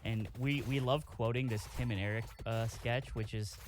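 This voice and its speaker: A man's voice: medium pitch, steady tone, normal speed, slight background noise. A man in casual group chat, throwing out crude jokes and banter.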